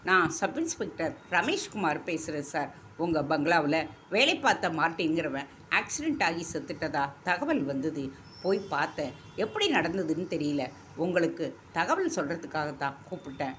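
A woman's voice: deep voice, very animated, normal speed, fairly bright tone, slight background noise. A woman voicing a polite male police officer who reports plainly and courteously. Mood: formal.

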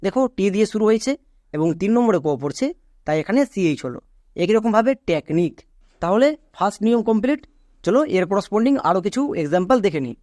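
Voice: medium pitch, expressive, fast talker, darkish tone, no echo, clean studio sound. A teacher explaining English spelling rules step by step, drilling each point by repeating it and spelling words out letter by letter.

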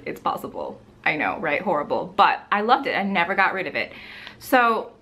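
A woman's voice: medium pitch, fairly bright tone. A woman in her thirties chatting casually through a makeup review, with lots of fillers and gushing asides, recorded at home by a camera in front of her. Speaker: beauty vlogger. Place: bright home room with plants.

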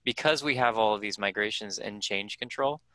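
A man casually explaining database practices to a presenter on a video call, relaxed and enthusiastic. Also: fairly low pitch, moderate pace, dry recording, poor audio. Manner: relaxed, enthusiastic, restarts often. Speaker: developer helping a presenter.

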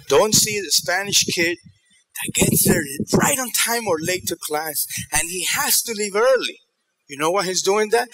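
A middle-aged keynote speaker with roots in New York and Ecuador delivers a motivational conference talk from a theater stage in a large auditorium. He tells stories animatedly and checks in with his audience. His voice is high-pitched, and the recording quality is low.

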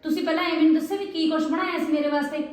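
An actress playing a discontented young bride who insistently complains and demands things. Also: female voice, very high voice, steady tone, racing, darkish tone, reverberant. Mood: demanding. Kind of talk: village family drama acting.

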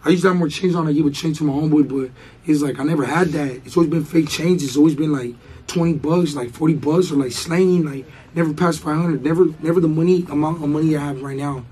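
A hoarse young man chats as an interview guest, rambling through slang, fillers and restarts. His voice is husky and a touch high, and it sits in a dark, mellow tone. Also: fast, poor audio. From Baldwin Park, Los Angeles. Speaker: rapper guest. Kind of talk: casual interview chat.

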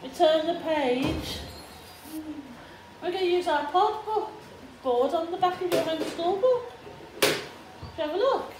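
A woman reading a picture book aloud to a young child in a slow, sing-song way, pausing for simple prompting questions. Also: very high-pitched. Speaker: teaching assistant reading with a pupil. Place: indoors in a school room, at a table. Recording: roomy echo, clear room noise.

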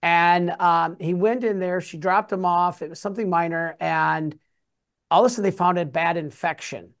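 Halting, storytelling priest, a man. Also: high voice, steady tone, fairly bright tone, clear, resonant tone. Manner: halting, with many fillers and restarts. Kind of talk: animated storytelling in a chat.

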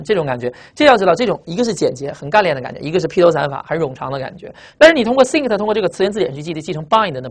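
A male teacher giving a vocabulary lecture, explaining word roots and repeating key phrases so students remember them, and reading the English words out slowly. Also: a little high.

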